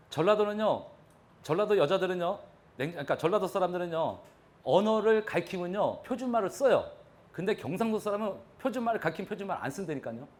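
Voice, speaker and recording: Male lecturer, quick and lively delivery, teaches by quizzing the room, voice sits a bit high. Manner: animated, poses questions to the audience. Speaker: real estate lecturer. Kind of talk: live classroom lecture.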